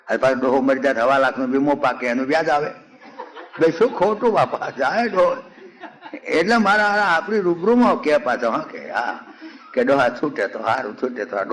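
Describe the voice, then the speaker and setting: An older man with a Gujarati accent giving a spiritual discourse, telling folksy stories, acting out villagers and chanting verses slowly. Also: medium pitch, a bit bright, poor audio. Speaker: spiritual speaker. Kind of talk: Ramayana discourse with humor and chanting.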